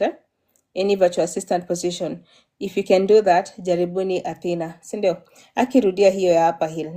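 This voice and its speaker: Mellow-voiced Kenyan woman hosting a livestream. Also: lowish voice. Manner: chatty, reads comments aloud, spells out names. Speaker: livestream host. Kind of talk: casual live chat, mixing English and Swahili.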